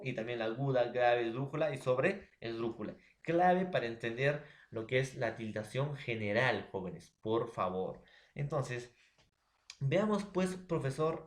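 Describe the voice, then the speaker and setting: A man teaching a grammar lesson, explaining step by step and checking often with his listeners. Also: medium pitch. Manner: explains step by step, calls the listeners "profesor" and "jóvenes". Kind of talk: classroom lesson. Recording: echoey room.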